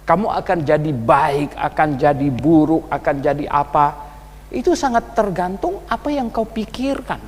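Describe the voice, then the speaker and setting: Animated older man preaching in a hall. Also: high-pitched. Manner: conversational, animated preaching with colloquial asides and chuckles. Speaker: pastor. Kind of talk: sermon. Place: church prayer meeting hall.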